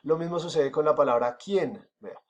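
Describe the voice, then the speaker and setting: A man speaking in a slightly high voice at a moderate pace teaches a recorded school lesson with a Colombian Spanish accent. He goes step by step, with many fillers and regular checks that everyone understands.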